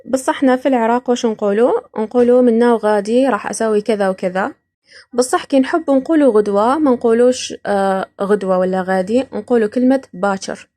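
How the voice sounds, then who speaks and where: A woman's voice: fairly high pitch, fast, mellow. A woman from Iraq hosting a podcast, casually explaining words and laughing often between points. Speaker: podcast host.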